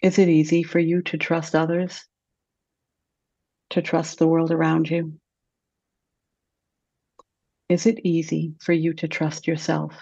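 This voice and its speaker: A woman guides a meditation in a slow, gentle voice with long pauses. Her tone is mellow and her pitch stays flat and even. The recording is dry and a little dull. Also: gravelly, husky, no echo.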